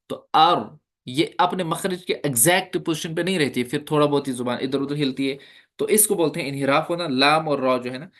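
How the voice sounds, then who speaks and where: In a classroom lecture on recitation, a man speaks with a fairly high, slightly bright voice. He takes each point step by step, asks the students questions, and shows them the sounds.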